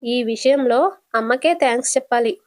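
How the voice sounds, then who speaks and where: A woman voicing a gentle, modest young married woman who explains things patiently, in a casual serial retelling. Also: fairly high pitch, normal speed, natural voice.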